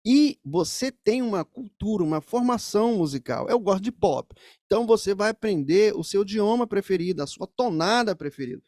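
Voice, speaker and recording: A man's voice: high-pitched, expressive, normal speed, darkish tone, no room sound, studio quality. A man teaching saxophone, explaining things straight to the viewers in a music lesson.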